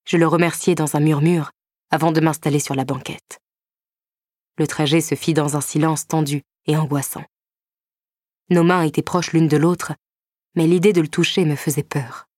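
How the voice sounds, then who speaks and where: A woman reads a first-person romance novel in a measured, tense, intimate tone. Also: low voice, darkish tone, no room sound, clean studio sound. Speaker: audiobook narrator.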